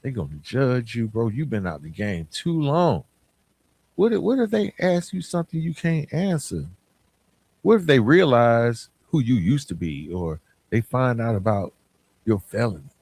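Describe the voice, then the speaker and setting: A podcast host gives an emphatic motivational monologue, addressing listeners colloquially and informally, telling stories and repeating key phrases. His medium-pitched voice is sing-song with a darkish tone, at a moderate pace.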